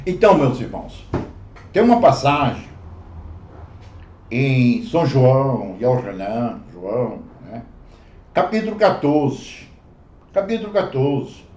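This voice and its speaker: A Brazilian man teaching a livestreamed Bible study, slow and emphatic, repeating phrases and calling listeners brothers. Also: medium pitch, big pitch swings, a little mellow, a little hiss or hum. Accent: Brazilian Portuguese. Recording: echoey room, dull lo-fi sound.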